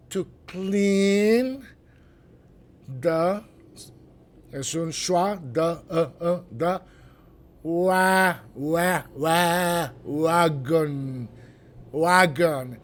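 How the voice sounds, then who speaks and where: An English pronunciation teacher from Guatemala with a Guatemalan Spanish accent. The teacher explains a point, then models each word and drills phrases through slow repetition. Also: mid-range voice. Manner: switches between explaining and modeling words. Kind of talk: online pronunciation lesson.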